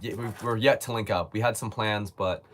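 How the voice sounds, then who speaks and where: A man with a lowish voice answers viewer questions in a relaxed live chat. He speaks easygoing and reflective, sometimes restarting a phrase as he thinks. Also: normal speed. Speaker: host.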